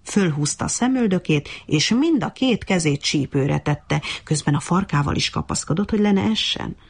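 A woman reading a children's animal story aloud in an expressive, lively way. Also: lowish voice, vocal fry, husky. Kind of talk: storybook narration.

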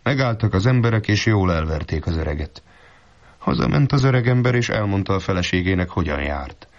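A man with a low voice tells a folk tale in a steady, measured way. The recording sounds dull and lo-fi, as if from an old tape. His delivery stays even and unhurried. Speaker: storyteller.

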